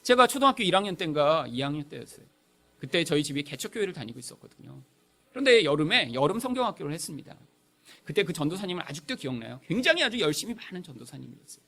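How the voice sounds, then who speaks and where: A man preaching in a church, his voice high for a man and bright, climbing and falling across a wide span. He tells his own story with feeling, going quiet and then pushing hard into loud stretches. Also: sing-song, fast, vocal fry. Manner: emotional storytelling, swings between hushed and loud. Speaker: pastor. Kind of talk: sermon with personal testimony. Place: church sanctuary.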